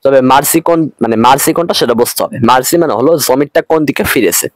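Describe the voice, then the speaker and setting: A man with a Bangladeshi Bengali accent teaching an online Arabic grammar lesson, patient and repetitive, slowing down for each Arabic phrase. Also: medium pitch, dry recording.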